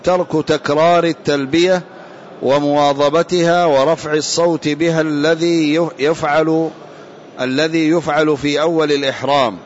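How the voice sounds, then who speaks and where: A man reading a classical commentary aloud in a lesson, measured and formal, with careful vowelling, in a muffled lo-fi recording. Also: on the high side, flat delivery, a little hiss or hum. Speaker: student reading the text aloud.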